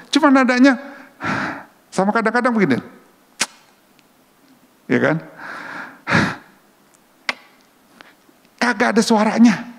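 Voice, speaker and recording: A man giving a conversational church talk on public relations, often checking in with his listeners with quick rhetorical questions. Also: sits high, creaky. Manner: chatty, keeps asking "ya kan?" to the audience. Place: church hall. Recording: long hall reverb.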